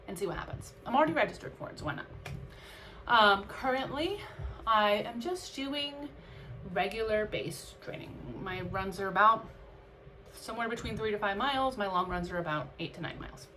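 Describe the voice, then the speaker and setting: In a rough recording with slight background noise, a woman with a mid-range, fairly bright voice, a vlogger and amateur runner, talks casually and candidly about her experience, reflective and conversational with emphatic bursts.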